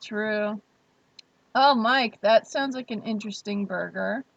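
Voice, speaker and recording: A woman's voice: mid-range voice, takes it slowly, gravelly, no echo, dull audio. A young woman hosting a casual livestream, chatting freely and reading viewer comments aloud. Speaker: livestream host.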